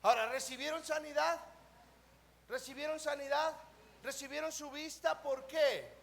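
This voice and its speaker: A Mexican man preaching a sermon at a live church service, asking the congregation questions and answering them himself, sometimes mimicking whiny prayers in a soft mocking voice. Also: very high-pitched, fairly even intonation, moderate pace, vocal fry. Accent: Mexican Spanish. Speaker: pastor. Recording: live church service with faint background noise.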